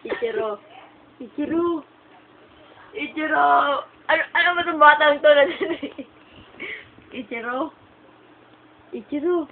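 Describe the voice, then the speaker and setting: A woman's voice: sits high, slow pace, long pauses. A woman in a casual home video, playful and teasing, laughing often. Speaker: vlogger. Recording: tinny phone-like sound, faint noise.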